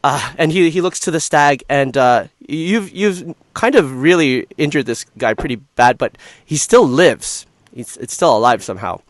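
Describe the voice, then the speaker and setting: A man acting as game master, improvising narration for a tabletop game in halting, hesitant phrases. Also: medium pitch, animated, dry recording, clean studio sound.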